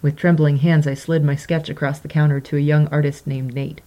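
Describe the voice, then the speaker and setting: Low-voiced woman reading a memoir. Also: level tone, mellow. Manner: measured, reflective storytelling. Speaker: memoir reader. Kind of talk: first-person memoir reading.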